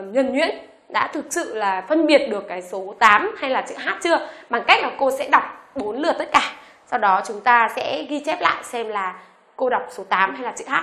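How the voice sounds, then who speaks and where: A woman teaching an online beginners' lesson, asking the class questions and reading each letter slowly for them to repeat. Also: a little high, pushed and bright, reverberant. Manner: asks the class rhetorical questions; reads letters aloud slowly for repetition. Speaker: English teacher.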